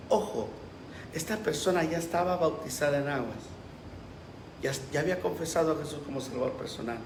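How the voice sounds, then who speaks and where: A man's voice: medium pitch, noisy background. A pastor preaching a sermon with passion, acting out the voices he quotes. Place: church. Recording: roomy echo.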